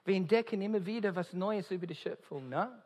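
Fairly quick and darkish in tone, his high voice carries an emphatic, earnest evangelistic sermon in German. An Australian whose native tongue is English, he often hunts for the right words. The recording has the long reverb of a hall.

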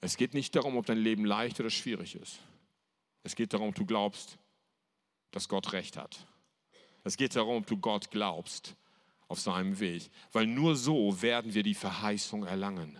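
A man's voice: fairly low pitch, normal speed. A male pastor giving a sermon, telling stories with emphatic repetition. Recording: long hall reverb.

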